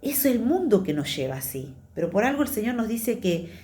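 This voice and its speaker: A woman's voice: a little high, big pitch swings, a little fast, warm tone, reverberant. A woman with a Rioplatense Spanish accent giving a conversational testimony sermon in church, confiding and chatty, often checking in with her listeners. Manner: chatty, confiding, often adds tag questions.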